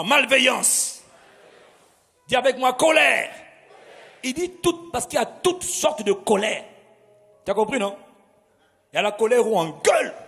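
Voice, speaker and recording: A man's voice: high voice, creaky, fairly bright tone, slightly rough, in a large hall. A man preaching a sermon. He preaches emphatically, asking the congregation to repeat words after him. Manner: emphatic, call-and-response preaching. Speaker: pastor.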